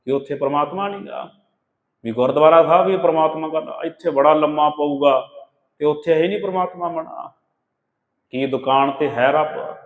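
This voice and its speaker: A man giving a sermon on scripture, asking rhetorical questions and chanting verses slowly. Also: fairly high pitch. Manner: addresses listeners as beloved ones, rhetorical questions, chants scripture lines slowly. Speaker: katha preacher. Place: gurdwara hall. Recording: echoey hall with long reverb.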